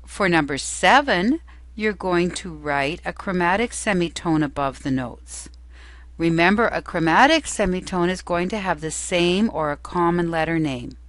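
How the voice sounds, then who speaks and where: A woman's voice: lowish voice, animated, normal speed, no echo. A woman teacher giving an instructional lesson, explaining patiently and carefully, step by step. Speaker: music theory teacher.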